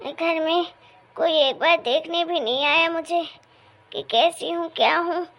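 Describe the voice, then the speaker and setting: A woman's voice: very high voice, a little slow, a bit bright, full character voice. A woman voicing a harsh middle-aged mother-in-law in a cartoon story, sick with fever and scolding bitterly. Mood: self-pitying. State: feverish and in pain.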